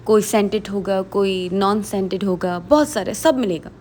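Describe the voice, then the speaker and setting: A woman's voice: mid-range voice, moderate pace, darkish tone. Tired woman vlogger, weary and pleading. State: unwell and tired. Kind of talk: casual chat to camera and pet. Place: home, indoors. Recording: clear background noise.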